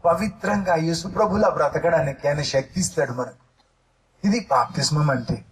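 A male pastor with a notably high-pitched voice delivers a sermon and then guides his listeners through a fervent prayer, phrase by phrase. He keeps returning to the same invocation and pushes his voice into loud, earnest calls. The delivery is that of a preacher leading worship. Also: normal speed, rough recording. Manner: repeats the invocation to Jesus again and again, rising to loud calls.

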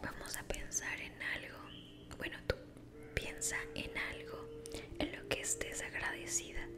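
Slow, whispering woman, soothing whispered role-play. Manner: soothing, encouraging, slow, uses affectionate diminutives. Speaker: ASMR creator guiding the listener.

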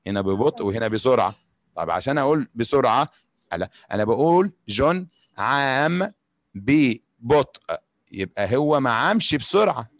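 A man with an Egyptian Arabic accent teaching a grade-school English lesson, explaining in Arabic and dictating English example sentences very slowly. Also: mid-range voice, animated, dry recording.

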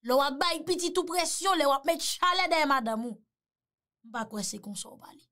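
A woman's voice: sits high, lively intonation, brisk, a bit bright. A Haitian woman giving a mocking, teasing commentary, slipping in French phrases. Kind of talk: animated commentary.

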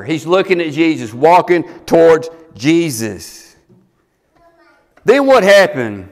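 Preacher guy, higher voice, slow animated storytelling sermon. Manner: animated storytelling, acting out scripture. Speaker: pastor.

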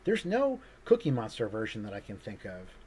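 A man's voice: fairly low pitch, wildly swooping pitch, moderate pace, a little mellow, slightly rough. A man, an artist, chatting casually over a video call, rambling and hesitant with lots of fillers and restarts. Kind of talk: casual conversation.

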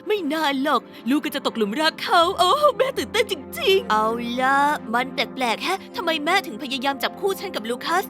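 A woman narrating a first-person animated story dub in a lively, chatty way. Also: very high voice.

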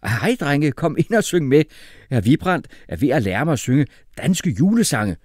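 Hearty, cheerful dad, as a male reader plays him. Lively, dry sound. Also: fairly high pitch, no room sound, pitched above the performer's own voice. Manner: hearty, calling out. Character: cheerful enthusiastic father.

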